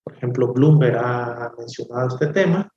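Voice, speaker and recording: A man from El Salvador, an economist guest, answering interview questions slowly and carefully, with many pauses and fillers. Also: mid-range voice, mellow. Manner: slow, measured, hesitant with many fillers. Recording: echoey, dull remote audio.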